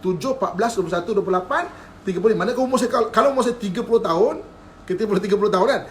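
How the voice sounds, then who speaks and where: A man with a Malaysian Malay accent races through a live-streamed religious lecture in a voice that sits high, with a little hiss or hum audible. He teaches playfully, frequently chuckling and asking whether his listeners are keeping up.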